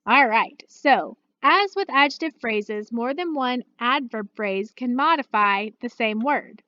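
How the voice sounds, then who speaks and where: Woman, teacher, recorded lesson, steady and patient, frequent check-ins, somewhat high voice, lo-fi computer audio. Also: measured pace. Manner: patient, steady, uses many "okay" and "all right" check-ins. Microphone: computer mic.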